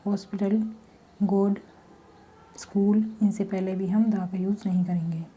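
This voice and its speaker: A woman teaching a grammar lesson, slowly explaining step by step with examples. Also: mid-range voice, steady tone, dark tone.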